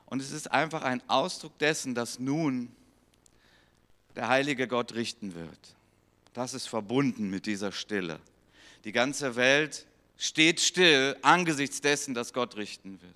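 Bright-voiced impassioned male preacher. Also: medium pitch, measured pace. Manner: impassioned, swings from loud pleading to quiet gravity; acts out quoted voices within the sermon. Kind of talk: sermon.

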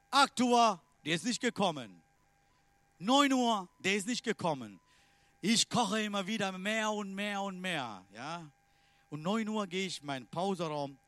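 A man with a high-sitting voice preaches a sermon in German with non-native phrasing, recorded without room sound. His emphatic delivery swings between loud declarations and quiet asides.

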